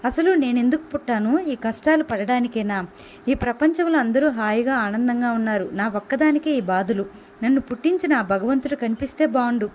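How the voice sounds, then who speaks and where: A woman reads a novel aloud in a slightly high voice, giving the dialogue expressive life. The recording sounds dull and a little muffled. A faint hiss runs underneath. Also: brisk. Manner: expressive reading, voicing dialogue. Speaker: audiobook narrator. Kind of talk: novel reading.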